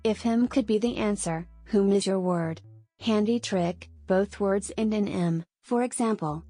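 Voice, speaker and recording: A woman giving a scripted explainer on tricky words, clear and lightly playful. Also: mid-range voice, warm tone, no echo. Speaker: narrator. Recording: faint background music.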